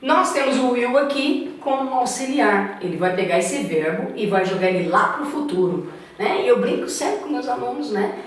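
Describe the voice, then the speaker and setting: Brazilian lady teaching english grammar, asks questions then answers them, slows way down on the example sentences, kinda high voice, super echoey room. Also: expressive. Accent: Brazilian Portuguese. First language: Portuguese. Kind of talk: classroom grammar lesson. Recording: very echoey room, some distance from the mic.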